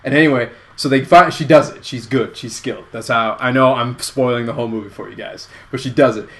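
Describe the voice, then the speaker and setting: A man hosting a casual online show, pitching a movie idea in a rambling, self-correcting way. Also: a little fast, a bit bright. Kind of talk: casual comedic chat.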